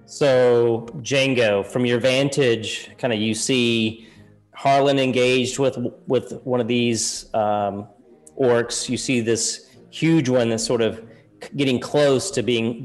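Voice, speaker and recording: A man at a middle pitch runs a tabletop game, narrating the action in a loose, hedging way full of "sort of" and "kind of". He laughs often as he goes, and faint music plays behind him. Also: fairly even intonation, slow pace. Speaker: game master.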